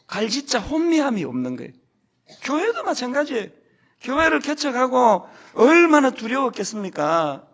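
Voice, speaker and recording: A man's voice: very high-pitched, a bit bright. A middle-aged man preaching a sermon in a church sanctuary, telling self-deprecating stories with humor and joking with the congregation. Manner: jokes with the congregation. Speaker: senior pastor.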